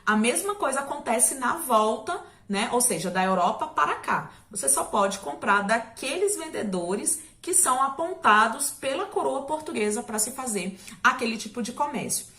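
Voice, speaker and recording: With a slightly high, sharp voice, lively intonation and a moderate pace, a Brazilian woman teaches history in a recorded lesson. She keeps it chatty, often checking on her students and adding small jokes, in an echoey room.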